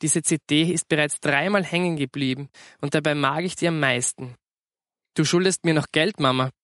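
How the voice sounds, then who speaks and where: A man's voice: on the high side, steady tone, fairly bright tone, no room sound, studio quality, close to an everyday voice. A man voicing a chatty, demanding schoolgirl who pleads and hops between topics in a storybook reading. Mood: pleading chatter. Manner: rapid topic-hopping pleading.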